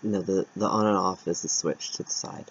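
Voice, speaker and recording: A man's voice: low-pitched, steady tone, normal speed, slightly rough, lo-fi sound. A man chatting casually as co-commentator on a game, giving informal, helpful prompts. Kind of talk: casual chat.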